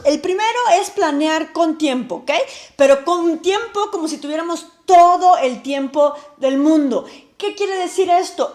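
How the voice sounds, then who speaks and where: A woman speaks straight to the camera in a high, bright register. She teaches like a lively advice host, throwing out a question and answering it herself a beat later. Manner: animated, asks and answers her own rhetorical questions. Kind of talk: talking-to-camera advice lesson.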